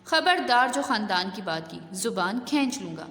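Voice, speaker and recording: A woman's voice: medium pitch, big pitch swings, a bit bright, a little hiss or hum. A woman teacher voicing a stern, angry middle-aged husband who barks orders, read in an echoey room. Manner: barking, commanding.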